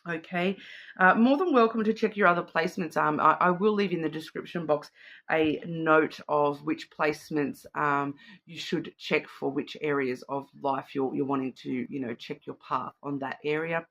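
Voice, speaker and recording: A woman's voice: deep voice, steady tone, moderate pace, fairly bright tone. Aussie lady doing a chatty card reading, middle-aged, wanders around her thoughts with lots of ums. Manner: rambling and intuitive, thinking aloud with many fillers. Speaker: card reader. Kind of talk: casual psychic reading monologue.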